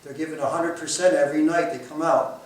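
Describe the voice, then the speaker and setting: Higher-pitched, halting man in echoey room. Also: fairly even intonation. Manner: halting, hesitant delivery with many ums. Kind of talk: casual interview chat, endorsing local wrestling shows. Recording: very echoey room, distant mic.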